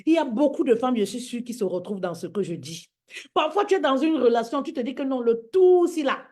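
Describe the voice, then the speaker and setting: High-voiced woman preaching with fervor. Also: animated, brisk, mellow. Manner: emphatic, repetitive, addressing listeners as "my queen". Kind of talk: preaching to women on social media live.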